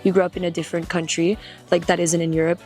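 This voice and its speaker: Young London-raised woman, student, flat quick delivery, matter-of-fact, music under. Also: on the low side. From grew up in London. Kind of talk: interview answers.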